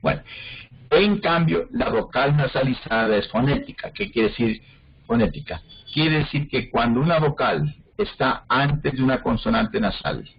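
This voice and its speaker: A man's voice: mid-range voice, lively intonation, moderate pace, vocal fry, breathy edge, dull audio. A man teaching an online phonology class, explaining step by step and often checking whether students follow. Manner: explains step by step, checks understanding with frequent questions.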